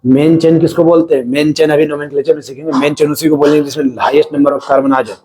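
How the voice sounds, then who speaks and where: Mellow-voiced Indian man teaching chemistry. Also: on the high side, level tone, fast talker, rough recording. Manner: explains step by step, often checking "है ना?". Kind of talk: classroom-style lecture.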